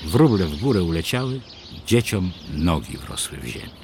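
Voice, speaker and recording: A man's voice: low-pitched, big pitch swings, normal speed, a little mellow, a little hiss or hum. A man narrating a rhymed children's story with a rhythmic, sing-song delivery.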